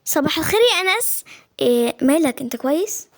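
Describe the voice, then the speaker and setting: A woman's voice: high-pitched, very animated, fast talker, faint music behind, voice pushed down. A woman with an Egyptian accent voicing a tired, caring mother in a spoken story. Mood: puzzled.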